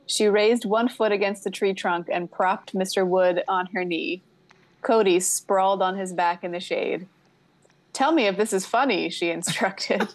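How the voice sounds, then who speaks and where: A woman's voice: mid-range voice, measured pace, no echo. A woman co-hosting a podcast, reading a book aloud, giggling and stumbling over words now and then. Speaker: podcast co-host.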